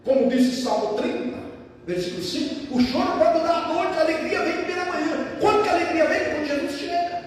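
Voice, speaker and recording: Male preacher, very high voice, emphatic and repetitive, recorded far off in a reverberant church hall. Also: animated, a little fast. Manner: emphatic, repeats phrases, addresses listeners as brothers. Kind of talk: sermon. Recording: echoey hall, distant mic.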